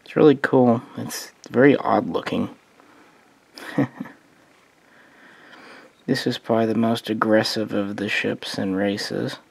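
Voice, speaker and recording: A man giving a relaxed, meandering spoken overview of his collection of model starships, thinking aloud as he goes. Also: fairly low pitch, slow pace, gravelly, pauses often, husky, no echo. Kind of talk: casual hobby overview.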